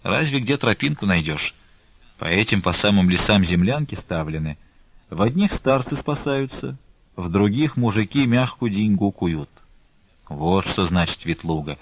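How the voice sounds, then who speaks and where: A man's voice: on the low side, expressive, normal speed, no room sound, lo-fi sound. Man voicing a worried, pondering peasant. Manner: pondering, folksy speech. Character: worried, thoughtful older male servant.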